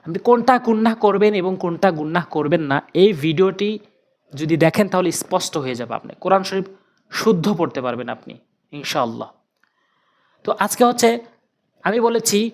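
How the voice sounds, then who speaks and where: A Quran recitation teacher gives a step-by-step tajweed lesson in a mid-range voice, spelling out letters and vowel marks syllable by syllable before repeating the joined sounds slowly. He patiently drills them again and again with questions and answers.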